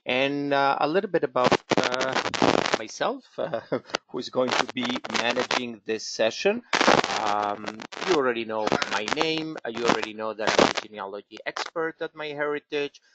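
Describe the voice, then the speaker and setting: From his office in Israel, a genealogy expert with a Venezuelan Spanish accent hosts a live webinar, guiding viewers through a website by screen share. His mid-range voice moves at normal speed, careful and heavy with fillers. Audio from the home mic is dull with slight static.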